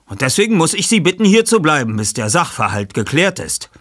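Ein Mann liest ein Hörbuch und spricht den Ich-Erzähler, einen jungen Detektiv, bestimmt und methodisch. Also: male voice, a little high, very animated, fairly quick, fairly bright tone, dry recording, clean studio sound, pitched above the performer's own voice. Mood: composed. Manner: commanding, methodical. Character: calm, clever young male detective, the narrator.

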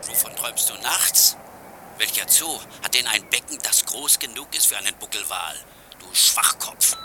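An actor playing a scheming crook boss who speaks in a hushed, contemptuous way. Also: male voice, lowish voice, animated, normal speed, slight background noise. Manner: contemptuous, insulting. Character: scheming adult male crook boss, sneering and cold.

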